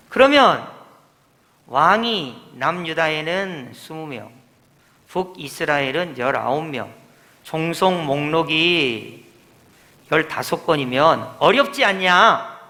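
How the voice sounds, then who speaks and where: A man's voice: a little high, bright, forceful tone. A male pastor giving a teaching sermon in a church, emphatic, asking questions and answering them himself, heard in an echoey hall. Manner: emphatic, drills the congregation, asks and answers himself. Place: church sanctuary.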